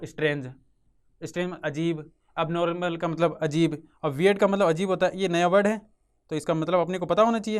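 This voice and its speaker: A man's voice: fairly high pitch, clear, resonant tone. A man with a Rajasthani Hindi accent teaching an English vocabulary class for exam prep. He repeats each word and asks and answers his own questions, recorded on a close mic in a classroom or studio with a writing board.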